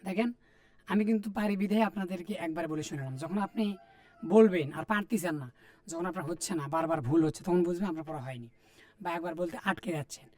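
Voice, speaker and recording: A man's voice: high-pitched, quick pace, darkish tone. Man, Bangladeshi Bengali accent, Quran reading teacher, repetitive spelling drill, patient. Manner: patient, repetitive, addresses viewers directly. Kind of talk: spelling drill lesson, letter by letter.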